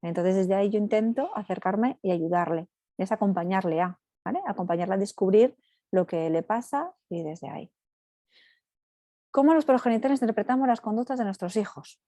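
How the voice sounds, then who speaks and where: A woman family therapist giving a talk to parents, explaining in a steady teaching way with frequent "right?" tags. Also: medium pitch, moderate pace, no echo, clean studio sound. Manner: acts out parents' and children's lines in passing.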